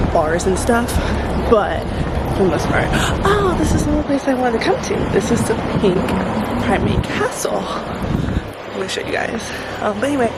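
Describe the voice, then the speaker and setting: A woman in her twenties chatting upbeat and casually on a travel vlog, full of fillers, filmed walking outdoors. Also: on the high side. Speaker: travel vlogger. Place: outdoors on city streets. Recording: loud street and traffic noise. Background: traffic and street noise.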